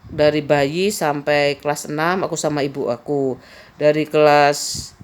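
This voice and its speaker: A woman in her fifties talks in a casual personal vlog, her clear as she rambles from one thought to the next. Her voice sits on the low side, and she breaks into laughter often. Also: steady tone, a little slow. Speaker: vlogger.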